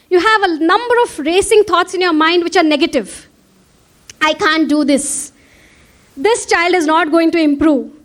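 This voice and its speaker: A woman with an Indian English accent giving a conference lecture, engaging the audience with frequent questions. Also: very high voice.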